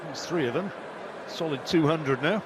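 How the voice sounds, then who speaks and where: A male sports commentator with a slightly high voice talks through a darts match. He is conversational and drops in wry asides, with clear crowd noise from the venue behind him. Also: moderate pace. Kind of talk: live sports commentary, chatty co-commentary.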